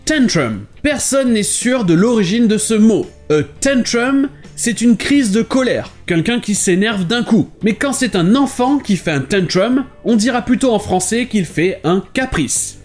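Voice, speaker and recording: Man, vocabulary teacher, lively intonation, clear explanations, quiet music underneath. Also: high-pitched, measured pace, few pauses. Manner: clear, didactic delivery, switching between languages. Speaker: language teacher. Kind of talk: short explainer lesson.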